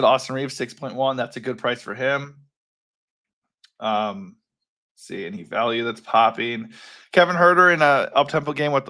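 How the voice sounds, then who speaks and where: Guy with a kinda rough tired voice going over fantasy picks, chill, rambly, lots of um and self-corrections. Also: mid-range voice. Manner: relaxed, rambling, self-correcting with many ums. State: worn, rough voice. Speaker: fantasy sports analyst host. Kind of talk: casual solo picks breakdown.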